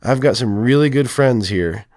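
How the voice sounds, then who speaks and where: A male counselor with a voice lowered by illness, explaining in a rambling, hesitant way full of fillers. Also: normal speed, a little mellow, no room sound, studio quality. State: sick, voice lowered from strep throat. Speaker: counselor and podcast co-host. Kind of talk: casual podcast conversation.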